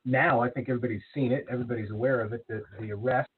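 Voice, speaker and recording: A man hosting a live online talk radio show over a rough connection that keeps cutting out, so his volume rises and drops, and he talks haltingly with many restarts. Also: mid-range voice, steady tone, a little hiss or hum. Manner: halting, restarts phrases often. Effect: connection cutting out, volume rising and dropping. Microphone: remote call connection. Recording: tinny phone-like call line.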